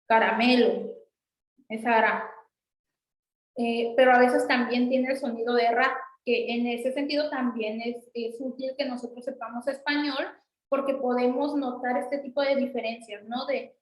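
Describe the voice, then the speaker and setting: A woman's voice: a little high, reverberant, poor audio. A woman teaching an introductory language class, patiently repeating example words. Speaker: Sanskrit teacher. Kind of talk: online class explanation.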